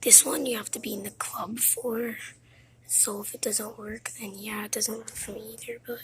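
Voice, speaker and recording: A woman whispering quietly through a casual game code walkthrough in a public library, hosting her own gaming channel. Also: fairly high pitch, little pitch movement, normal speed, slight background noise, rough recording. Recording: library crowd murmur behind. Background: people murmuring nearby.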